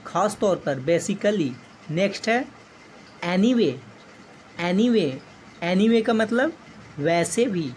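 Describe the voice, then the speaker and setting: A woman's voice: medium pitch, darkish tone, a little hiss or hum. A woman teaching English vocabulary, saying each word and repeating its meaning.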